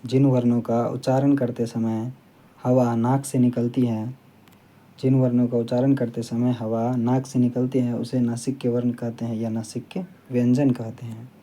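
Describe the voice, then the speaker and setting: A man with a mid-range voice at normal speed teaches a classroom grammar lesson. He explains plainly and steadily, repeating key points so they stick and often saying "ठीक है".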